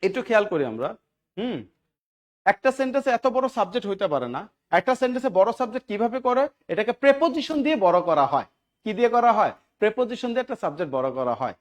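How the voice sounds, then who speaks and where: High-voiced male Bangladeshi English tutor. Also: big pitch swings, quick pace. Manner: keeps asking the class short check questions and answering them himself; grows louder and more emphatic while stressing points. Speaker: teacher. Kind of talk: English grammar lesson for job exam students.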